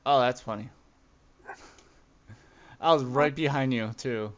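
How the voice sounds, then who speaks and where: A man's voice: medium pitch, slow pace, lo-fi sound. A man playing a co-op game, answering in short, dry, teasing remarks. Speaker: co-op game partner. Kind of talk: casual co-op gaming chat.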